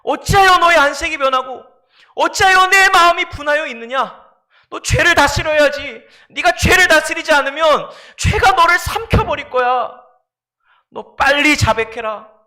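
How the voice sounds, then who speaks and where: A man voicing God sternly rebuking and commanding sinners to repent, in a loud and urgent tone. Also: high voice, measured pace, vocal fry, long pauses, exaggerated voice. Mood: stern rebuke.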